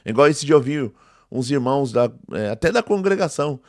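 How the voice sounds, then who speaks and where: A man's voice: medium pitch, expressive, a little fast, darkish tone, dry recording, studio quality. A man in his forties, a theology teacher, answering a critic directly to camera in an emphatic, indignant way and repeating his points. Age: 40s. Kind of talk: direct-to-camera response video.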